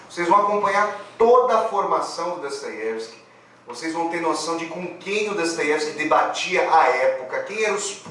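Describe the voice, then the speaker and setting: Male lecturer in his thirties, digressive and full of asides, slightly high voice, heard from far off in a very reverberant hall. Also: a bit bright. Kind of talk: academic lecture. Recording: very echoey hall, mic far off.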